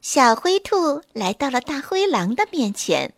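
A woman storyteller reading a children's story aloud with clear, expressive delivery. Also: sits high, a little slow, no echo, studio quality.

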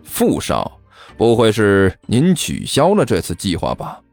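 A man's voice: huge pitch swings, measured pace, a little mellow, no echo, faint music behind, full character voice. A man voicing a greedy hired thug on the phone who fawns over his paying client. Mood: fawning. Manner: ingratiating, low, eager to please.

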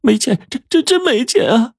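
A man voicing a frightened rural middle-aged woman who begs desperately in a high voice. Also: lively intonation, normal speed, creaky, husky, no echo, studio quality, full character voice. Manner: shrill, desperate pleading.

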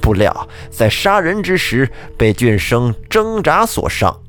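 A man's voice: medium pitch, big pitch swings, a little slow, fairly bright tone, faint music behind. A man voicing a stern, imperious county magistrate who rebukes the court and lays out his verdict. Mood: pronouncing. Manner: commanding, bellowing rebukes.

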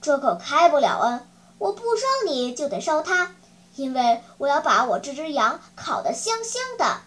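A woman voicing a gruff, bearded male puppet master who is cold at first, then softens, and keeps breaking into sneezing fits. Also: high voice, big pitch swings, normal speed.

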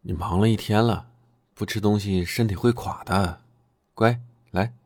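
A woman voicing a doting young husband who talks gently and coaxingly, with a hint of menace. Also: extremely low pitch, measured pace, slightly rough, dry recording, studio quality, voice pushed down, heavily acted. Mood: tender. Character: doting young husband, soft-spoken, quietly sinister.

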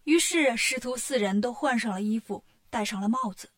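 Lively woman telling a children's story. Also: on the high side, moderate pace.

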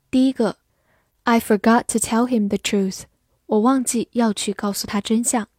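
A young adult woman teaching English vocabulary in a scripted lesson, spelling out words slowly and carefully. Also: fairly high pitch, a little mellow, no echo, studio quality.

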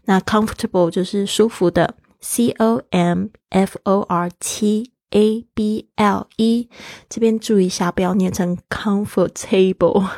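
A woman teaching English vocabulary in a bilingual lesson, slowing down to spell words out letter by letter. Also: medium pitch, creaky, dry recording, studio quality.

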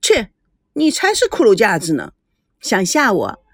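A woman's voice: medium pitch, huge pitch swings, unhurried, dry recording, studio quality, full character voice. A woman voicing a brash, teasing young woman in an audio story, playful and bossy. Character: brash teasing young Taiwanese woman, cheeky self-styled beauty.

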